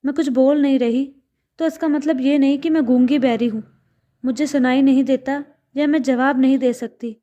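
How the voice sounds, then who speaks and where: A woman's voice: high voice, steady tone, normal speed, dark tone, lo-fi sound, close to an everyday voice. A woman reading a fed-up young widow. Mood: indignant. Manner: firm, indignant. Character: young widowed daughter-in-law, long patient, fed up.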